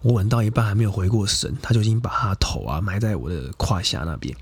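A man's voice: on the low side, expressive, fast talker, breathy edge, no echo. A young adult man, hosting a podcast and casually telling a personal story in a frank, profane, chatty way full of fillers. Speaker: podcast host.

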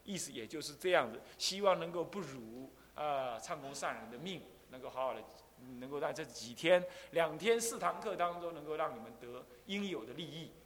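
An older Buddhist abbot gives a dharma lecture in an animated storytelling manner. His voice sits high for a man and leaps about with lively pitch. A long hall reverb trails each phrase. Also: moderate pace, hardly any pauses. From Taiwan. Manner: animated, acts out voices, rhetorical questions.

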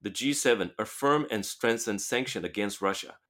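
Reading English news passages aloud at a moderate pace, a man teaches English on his podcast, explaining the text with frequent tag particles. His voice sits on the low side and has a fairly bright tone.

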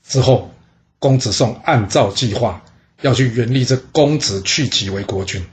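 A man with a medium-pitched voice speaks at a moderate pace over slight background noise. He tells an ancient court story in a casual, lively way, posing questions and then answering them himself.

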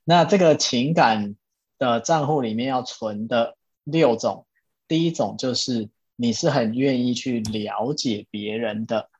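A man's voice: medium pitch, unhurried, husky, dry recording. Patient man explaining in a dry, dull recording. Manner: patient, steady, repeats key points. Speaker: podcast host. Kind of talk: explaining a self-help book in casual chat.

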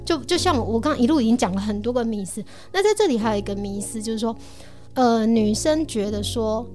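A woman hosts a casual podcast chat. Her voice sits a bit high as she talks animatedly and acts out little scenes, with faint music playing behind her. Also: brisk, a little mellow. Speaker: podcast co-host on relationships.

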